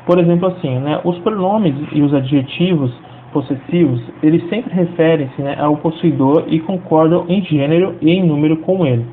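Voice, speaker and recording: A man's voice: a little high, moderate pace, hardly any pauses. A Brazilian man teaching a language lesson in an explanatory way, checking in with listeners between phrases. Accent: Brazilian Portuguese. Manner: explanatory, fills with frequent tag questions. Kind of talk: video lesson. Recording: tinny lo-fi audio with faint hiss.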